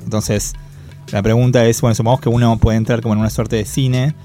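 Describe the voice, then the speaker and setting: A man's voice: medium pitch, little pitch movement, quick pace, dark tone, soft background music. A man with a Rioplatense Spanish accent, chatting casually as co-host and thinking aloud with many fillers. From Argentina. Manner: thoughtful, hesitant with many fillers. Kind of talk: casual conversation.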